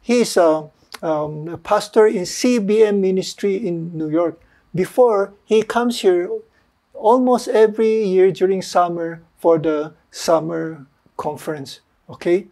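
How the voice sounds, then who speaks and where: An older man delivers an earnest sermon. His voice sits fairly high yet sounds mellow and warm. He speaks slowly and pauses often on fillers. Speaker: lay preacher.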